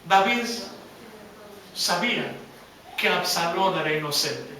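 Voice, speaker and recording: A man's voice: a little high, expressive, takes it slowly, bright, forceful tone, distant mic, a little hiss or hum. A male pastor preaching a sermon, retelling a story with emphasis and often repeating or restarting words. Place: church hall. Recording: echoey hall, preacher away from mic.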